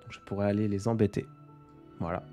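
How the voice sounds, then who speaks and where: Twenties guy answering viewer questions on a live, lowish voice, lots of ums and restarts, faint music behind. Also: level tone, fairly quick, warm tone. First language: French. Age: 20s. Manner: rambling, hesitant, many fillers and restarts. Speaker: live stream host.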